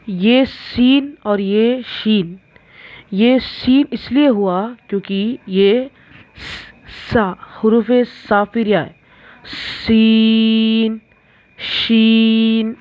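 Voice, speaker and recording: A woman's voice: medium pitch, dry recording. A woman teaching the Arabic alphabet, drawing out each letter sound between short explanations. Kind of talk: slow recitation lesson. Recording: tinny phone-like recording.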